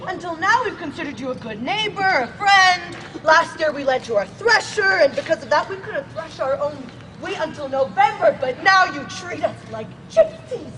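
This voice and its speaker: A woman's voice: very high voice, lively intonation, crowd noise. A young woman reading the part of a stubborn, quarrelsome landowner's daughter in a live outdoor play reading. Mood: indignant. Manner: stubborn, quick to shout. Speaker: student actor. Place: outdoor courtyard.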